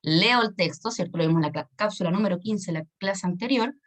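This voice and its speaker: A woman's voice: medium pitch, a little fast. A woman teaches an online English lesson. She explains patiently, repeats key points and keeps checking that the students follow.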